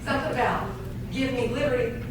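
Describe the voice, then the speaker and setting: A woman's voice: on the high side, a little fast. A woman at a town hall meeting, lecturing in an affected Southern aristocratic drawl. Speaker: town hall attendee asking a question. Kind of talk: formal speech at a public meeting. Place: large public meeting room. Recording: echoey hall from far off, loud background noise.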